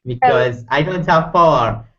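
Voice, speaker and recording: A man's voice: fairly high pitch, unhurried, a bit bright. A man, a student, joining an online class and talking hesitantly. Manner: hesitant, apologetic. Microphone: computer mic on video call. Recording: dull video call audio.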